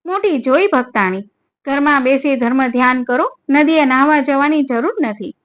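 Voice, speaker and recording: A woman reading the lines of a sharp-tongued old village mother-in-law, scolding and sarcastic. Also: sits high, normal speed, close to an everyday voice. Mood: scornful.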